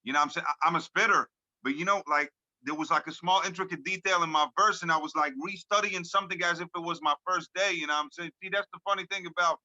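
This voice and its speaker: Over a video call with dull, lo-fi, dry audio, a hip hop artist in his thirties, born in France and raised in Lebanon, guests on a casual interview. He's laid-back and slangy, dropping lots of "you know what I'm saying" fillers. His voice is a little high, pushed and bright, with a steady tone and quick pace.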